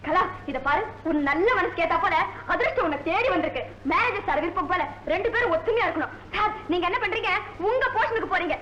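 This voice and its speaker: A quick-witted young tenant. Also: female voice, very high voice, expressive, a bit bright, roomy sound, highs cut off. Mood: coaxing. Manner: persuasive, fast-talking, managing. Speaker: resourceful woman tenant. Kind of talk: 1970s film comedy acting.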